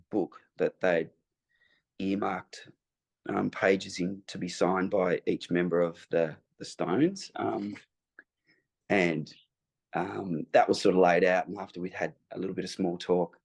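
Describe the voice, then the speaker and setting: A musician being interviewed, telling a long backstage story in a hesitant, rambling way. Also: male voice, deep voice, vocal fry, a little mellow, slightly rough. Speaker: guest musician. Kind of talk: interview anecdote.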